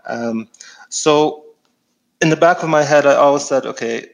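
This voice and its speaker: A middle-aged man from Egypt, a guest in a casual interview, talking in a relaxed way with many fillers and restarts. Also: fairly high pitch, normal speed, vocal fry, low-quality recording.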